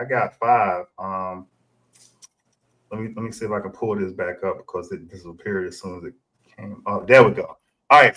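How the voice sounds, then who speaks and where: A man's voice: medium pitch, bright, forceful tone. A man hosting a casual podcast chat, laid-back and often restarting his words. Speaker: podcast host. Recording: roomy echo.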